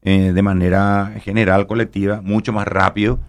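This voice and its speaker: A man's voice: fairly low pitch, level tone, moderate pace. A man explaining things at length, with many fillers and tag questions. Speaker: guest. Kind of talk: explaining an app in a radio interview.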